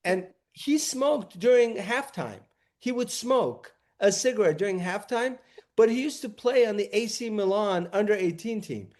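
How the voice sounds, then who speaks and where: Guy from new york, highish voice, casual podcast guest telling anecdotes. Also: lively intonation, normal speed, a little mellow.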